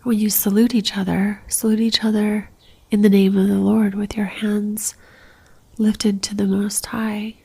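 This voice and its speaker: A woman guides a religious meditation in a soft, almost whispered voice, calm and gentle, leaving long pauses. Her voice is mid-range and husky, with vocal fry.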